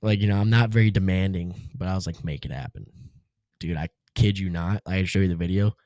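A man's voice: sits low, level tone, quick pace, warm tone, clear, resonant tone, no room sound, clean studio sound. A man guest on a podcast, telling a personal story in a casual, laid-back way, full of slang like "dude" and "bro".

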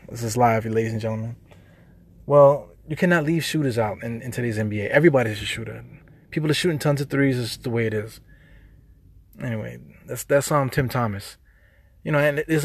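A man with a New York accent hosting a podcast, ranting off the cuff in streetwise slang, repeating himself as he gets worked up. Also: mid-range voice. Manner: fired-up, rambling, repeats words, streetwise slang. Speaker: podcast host. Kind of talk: unscripted sports rant.

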